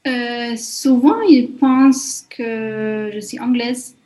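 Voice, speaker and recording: A woman's voice: a little high, steady tone, drawn-out words, mellow. A Hungarian woman speaking French as a second language with a Hungarian accent, talking hesitantly as an interview guest with fillers and small slips.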